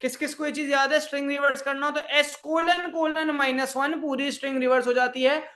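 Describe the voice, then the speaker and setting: Higher-pitched man teaching a live coding class. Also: little pitch movement, fairly quick, sharp tone. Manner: repeats phrases, quizzes the class often; mixes English coding terms into Hindi. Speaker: programming instructor.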